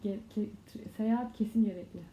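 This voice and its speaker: Very mellow, halting woman interpreter. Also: mid-range voice. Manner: halting, searching for words. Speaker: interpreter between English and Turkish. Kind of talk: live consecutive interpreting. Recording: muffled, echoey room, faint noise.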